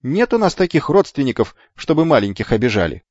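A man voicing a sulky, stubborn young boy twin who grumbles in a high voice. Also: big pitch swings, a little fast, a little mellow, dry recording. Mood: grumbling. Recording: dull lo-fi with faint music.

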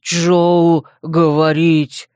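A huge, fierce, childlike brute, put on by an audiobook reader barks short broken words in a rough, loud growl. The voice sits lower than plain narration and sounds rougher, with a dry, close sound. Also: level tone, extremely slow, dry recording. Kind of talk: audiobook character voice.

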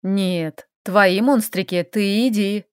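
A woman voicing a calm, teasing male elf in an audiobook, speaking a little lower and steadier than her narration. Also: takes it slowly, clear, resonant tone, no echo, studio quality, lightly acted.

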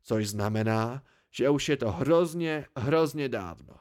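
A man's voice: mid-range voice, lively intonation, darkish tone, close to an everyday voice. A man reading an audiobook, voicing an irritable, blunt male student friend who scolds. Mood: irritated.

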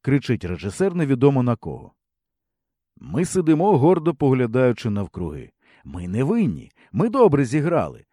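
Expressive male audiobook narrator, mellow. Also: mid-range voice, no echo, clean studio sound. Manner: expressive, comic storytelling. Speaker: audiobook reader. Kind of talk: scripted storybook narration.

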